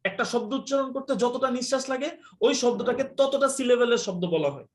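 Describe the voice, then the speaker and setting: A man teaching a live online English class, explaining quickly and telling students to mute their mics. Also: extremely high pitch. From Bangladesh.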